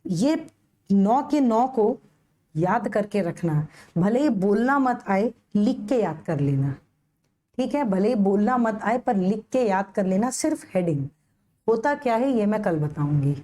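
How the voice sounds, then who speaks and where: A woman's voice: medium pitch, warm tone. A young woman lecturing a live online class with an Indian English accent, patiently drilling Latin legal phrases syllable by syllable and teasing her students.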